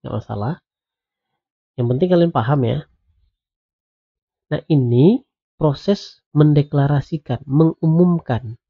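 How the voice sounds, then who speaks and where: A man giving a programming lecture while coding on screen, explaining slowly and patiently with lots of "nah" and "ya". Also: a little high, husky. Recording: tinny phone-like audio.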